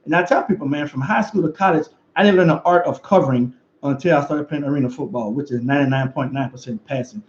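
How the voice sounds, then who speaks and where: Fast-talking Louisiana coach, echoey room. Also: male voice, fairly high pitch. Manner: fast, excited, repetitive emphasis. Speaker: defensive back coach and YouTuber. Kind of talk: motivational talk to camera. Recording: echoey, dull lo-fi room sound.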